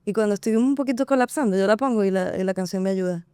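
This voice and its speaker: A Venezuelan singer and actress, appearing as a guest, chats casually in an interview, lively and playful and laughing often. Her medium-pitched voice is smooth and fast, and the recording is dry.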